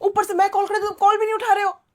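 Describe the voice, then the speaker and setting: A woman playing a desperate, very high-voiced wife. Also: slow pace. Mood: angry. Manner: pleading, breaks into sobbing appeals. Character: desperate married young woman deep in debt. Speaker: actress in a web drama. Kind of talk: melodramatic Hindi short-drama acting.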